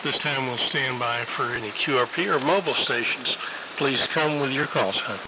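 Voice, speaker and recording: A man running an amateur radio net over the air, relaxed and folksy, with heavy static on the transmission. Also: medium pitch, moderate pace. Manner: relaxed, folksy, with frequent uhs. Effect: radio transmission under heavy static. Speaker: ham radio net control operator. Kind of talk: radio net check-ins. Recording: loud radio static hiss.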